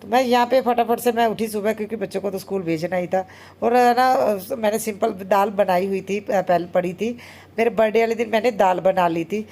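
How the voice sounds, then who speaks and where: A woman in her thirties, a homemaker vlogger, chatting casually and very fast with many fillers. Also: mid-range voice, darkish tone. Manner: talks very fast. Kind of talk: casual vlog narration.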